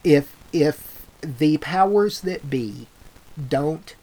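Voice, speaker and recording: Rambling man with halting restarts. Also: a little high, animated, a little mellow. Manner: rambling, halting restarts, says "dude" a lot. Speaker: podcast host. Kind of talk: casual chat.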